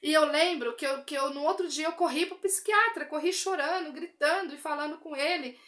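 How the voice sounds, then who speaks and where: High, bright Brazilian woman testifying. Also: a little fast. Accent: Brazilian Portuguese. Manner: earnest, addresses listeners directly, repeats phrases for emphasis. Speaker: woman giving a faith testimony. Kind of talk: emotional religious testimony.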